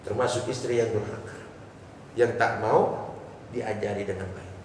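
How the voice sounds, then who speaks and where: A man's voice: lowish voice, steady tone, a little slow, a little mellow. A man preaching a humorous sermon, joking and asking the congregation questions in a mosque hall. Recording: echoey hall from far off, faint noise.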